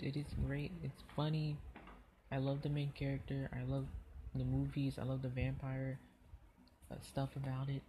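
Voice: medium pitch, background noise. A podcast host giving a casual solo review, rambling and hesitant, often restarting sentences and filling gaps with "like".

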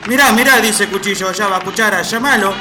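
A man's voice: high voice, brisk, echoey room, over music, a crowd in the background, natural voice. A man playing a male Sicilian-style comic who slips in Italian words. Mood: jokey. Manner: rambling punchlines with Italian words. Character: Sicilian-flavored male joke-teller. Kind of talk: comedy sketch.

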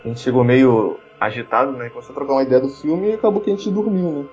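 A man's voice: mid-range voice, fast talker, a little mellow, lo-fi sound, faint music behind. A man with a Brazilian Portuguese accent telling a story in casual chat, full of fillers and restarts. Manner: chatty, lots of fillers and restarts.

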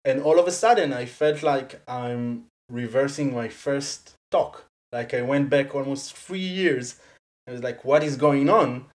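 This interview guest, animated and ready to laugh, speaks casual English with an Israeli accent, Hebrew being their first language. Their mid-range voice is peppered with "like," and sentences are often restarted.

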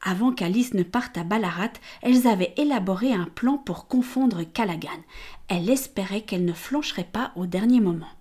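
A woman reading a period novel aloud as an audiobook narrator, with an even, measured delivery. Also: medium pitch. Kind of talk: scripted narration.

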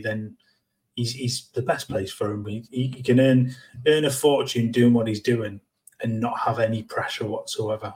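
A man gives blunt, plain-spoken takes on a football podcast. He sits a little away from the mic, so his voice comes across slightly distant. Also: medium pitch. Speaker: podcast co-host. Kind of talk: casual football chat.

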